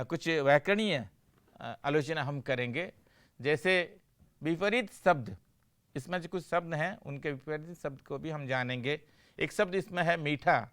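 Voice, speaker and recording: A man's voice: a little high, a bit bright, smooth. A man teaching a Hindi lesson for a broadcast class, explaining patiently, asking questions and answering them himself.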